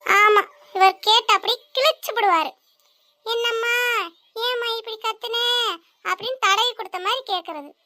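A woman voicing a loud, nagging cartoon mother. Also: extremely high pitch, normal speed, long pauses, dry recording. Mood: furious. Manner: shouting, scolding, sarcastic. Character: angry nagging village mother, loud and quick-tempered. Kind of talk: cartoon voice acting.

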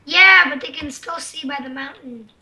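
Excitable young-sounding female gamer, stammering chatter, very high voice, distant-mic sound. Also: normal speed. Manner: excitable, stammering, repeats words. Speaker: gamer uploading a multiplayer session. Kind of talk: casual gameplay chat. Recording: voice from far off the mic.

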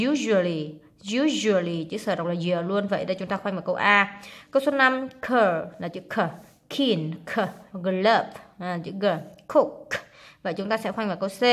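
Vietnamese woman teaching English exam answers. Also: medium pitch. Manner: relaxed, with many filler sounds.

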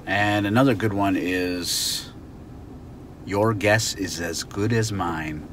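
A man's voice: low voice, takes it slowly, a bit bright, slight background noise. A man giving a casual English lesson, chatty, acting out little example scenes. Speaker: English teacher. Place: outdoors near a car.

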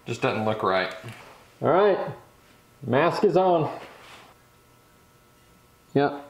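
A young man hosts a casual how-to vlog from his home garage workshop, relaxed and chatty, thinking aloud with fillers as he works. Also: medium pitch, very slow. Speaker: fishing channel host. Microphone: camera mic. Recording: echoey garage with background noise.

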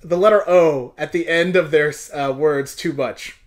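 A man's voice: on the high side, unhurried. A young man giving casual, slangy live game commentary to viewers, moving between exclaiming and muttering. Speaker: video game streamer. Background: game music.

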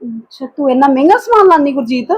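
A woman playing a soft-spoken elder sister-in-law. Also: sits high, animated, fast talker, lo-fi sound. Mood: gentle. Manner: soft-spoken and hesitant, trailing off. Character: elder sister-in-law, gentle, careful with money. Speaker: actor in a family skit. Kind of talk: amateur home drama acting.

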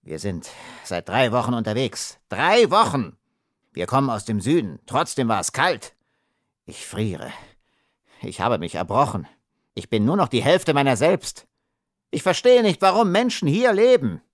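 A man's voice: fairly low pitch, animated, moderate pace, fairly bright tone, no room sound, clean studio sound. A male narrator voicing a tiny, frightened male arms trader who whines and shrieks his complaints in an audiobook. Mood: wailing. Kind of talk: audiobook character voice.

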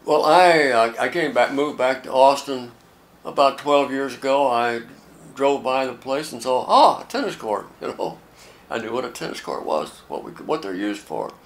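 A very old American man in his late eighties, talking reflectively in an interview, halting and repeating words as he goes. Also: medium pitch. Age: late 80s. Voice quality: very old man's voice. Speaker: volunteer youth tennis coach.

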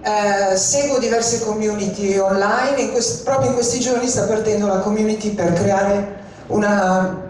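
A woman's voice: mid-range voice, measured pace, a little mellow, slight background noise. A woman introducing herself at a community event, chatty, with hesitant fillers, speaking into a handheld mic in a large hall. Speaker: audience member introducing herself. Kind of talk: spontaneous self-introduction. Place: large open hall with glass walls. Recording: very echoey hall, mic far off.

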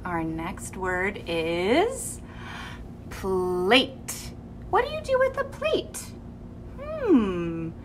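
A young woman teaching small children speech in a playful, expressive way, modeling sounds and words slowly with exaggeration. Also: medium pitch, a little hiss or hum. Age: young adult. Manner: animated, expressive, gasping in mock surprise. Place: small indoor room with curtain backdrop.

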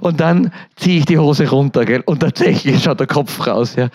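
A man with an Austrian German accent, giving a lively storytelling sermon at a church, acting out voices and laughing often. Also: mid-range voice, moderate pace. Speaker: church speaker.

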